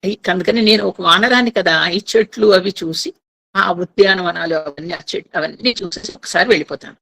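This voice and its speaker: A woman's voice: fairly low pitch, brisk, gravelly, a bit bright. A woman voicing a clever monkey hero who plays innocent, asking questions meekly and politely.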